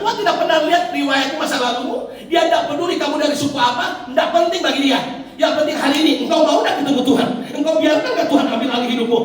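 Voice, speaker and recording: A man's voice: very high voice, far from the mic. A man preaching a sermon as pastor, telling stories animatedly and acting out the voices in them, with an Indonesian accent, in a large church hall with music behind.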